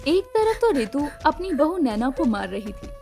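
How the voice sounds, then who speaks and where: A woman narrating a cartoon moral story in a dramatic, expressive way. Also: high voice, normal speed, gravelly, faint music behind.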